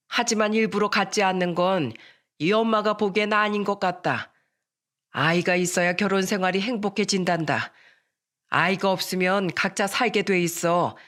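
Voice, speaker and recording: A storyteller voicing an angry middle-aged mother-in-law who scolds her daughter-in-law in a raised, shrill voice. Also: natural voice. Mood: lecturing. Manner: shrill and scolding, rising louder.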